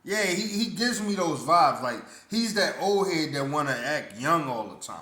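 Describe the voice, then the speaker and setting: A man vents his opinion in a casual vlog rant. His delivery is blunt and indignant, full of repeated words and restarts, with a fairly high, bright and forceful voice. The room around him rings with noticeable echo. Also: big pitch swings, moderate pace. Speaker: vlogger. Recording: roomy echo.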